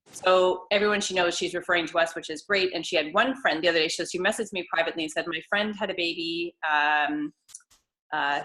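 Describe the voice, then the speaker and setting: A woman co-hosts a casual chat over a video call, telling a client story at length and often restarting her sentences. Her voice sits a bit low and sounds bright. The sound has the thin quality of a video call. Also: low-quality recording. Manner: chatty storytelling with many restarts. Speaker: co-host, fitness trainer.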